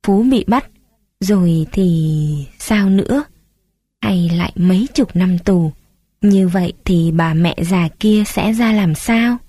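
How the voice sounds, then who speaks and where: A woman reads a story aloud in a calm, measured way. Her voice is mellow and warm. The recording is close and dry. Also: lowish voice, no echo. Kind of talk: storybook narration.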